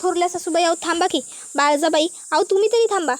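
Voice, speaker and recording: A woman's voice: very high-pitched, quick pace. A woman voicing a young village daughter-in-law who pleads and reasons to stop a quarrel. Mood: pleading.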